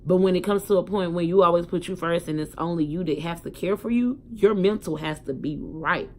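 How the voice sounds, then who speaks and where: A young woman speaks frankly into her phone. She talks in a candid, emphatic way and swears freely, swinging between loud outbursts and quiet thoughts. A faint hiss sits under her voice. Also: on the low side, brisk. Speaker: vlogger. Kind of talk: casual personal storytelling to a phone camera.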